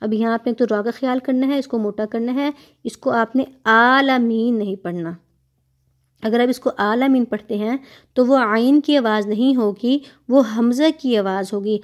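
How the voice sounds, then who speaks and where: Teaching tajweed with patience, a woman speaking with a Pakistani Urdu accent uses a slightly high voice. First she describes the correct sound of each letter, and then she slowly recites the verses with elongated vowels.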